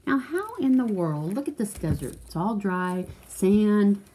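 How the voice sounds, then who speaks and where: An older grandmother with a slightly husky voice reads a picture book aloud to a small child. She pauses often to explain, asks the child to repeat new words, and keeps a patient, teaching tone. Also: medium pitch, sing-song, mellow, poor audio.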